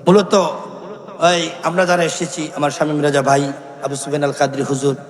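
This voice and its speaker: An Islamic preacher with a slightly high, steady voice at normal speed gives an impassioned Bengali waz sermon through a stage microphone at an outdoor religious gathering. He chants, calls out to the crowd in call-and-response, and bursts into sung devotional verses, all heard as echoey loudspeaker sound with long reverb.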